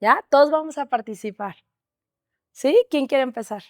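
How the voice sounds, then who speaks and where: Woman, high voice, dry close sound, encouraging host of a faith chat. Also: moderate pace, dry recording. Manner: encouraging, prompting others to share. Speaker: host leading a testimony session.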